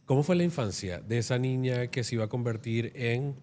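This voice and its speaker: A man's voice: medium pitch, a little fast, darkish tone, a little hiss or hum. A man hosting an interview, asking thoughtful, admiring questions. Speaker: interview host.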